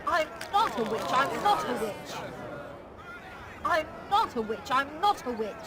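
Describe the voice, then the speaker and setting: A man's voice: very high voice, sing-song, measured pace, bright, forceful tone, some chatter behind, exaggerated voice. A male actor voicing an accused witch, shrilly protesting innocence in a comedic game. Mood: indignant protest.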